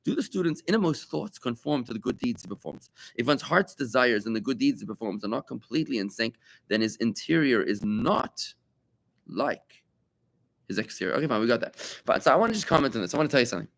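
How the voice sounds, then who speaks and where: A man, a rabbi, teaching a Talmud class to students, animated and full of rhetorical questions, repeating key points for emphasis. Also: mid-range voice, fast, gravelly. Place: study room with students.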